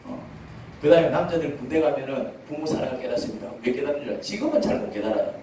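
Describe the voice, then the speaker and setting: Pastor preaching in an echoey church. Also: male voice, medium pitch, animated, very fast, distant mic, background noise. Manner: conversational preaching with rhetorical questions. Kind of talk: sermon. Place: church sanctuary.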